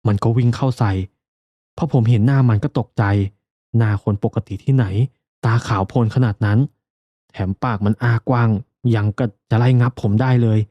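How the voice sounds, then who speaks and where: A man's voice: medium pitch, fairly even intonation, normal speed, dark tone, dry recording, lo-fi sound, natural voice. A man voicing a frightened young male laborer in a ghost story, sounding shaken.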